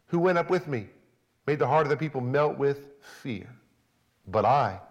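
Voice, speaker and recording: A pastor delivers a sermon, moving from soft, low emphasis to raised, excited lines, and at times voicing a biblical figure in the first person.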